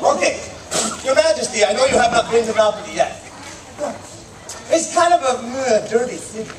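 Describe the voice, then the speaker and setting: A man performs comic stage patter as a Renaissance fair juggler, projecting in a very high, lively voice. He addresses the audience with mock-courtly showmanship. The recording is distant, with a loud crowd around him. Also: normal speed. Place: open-air covered stage at a fair. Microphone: far camera in the audience. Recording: distant, echoey, noisy live crowd recording. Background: loud crowd and ambient noise.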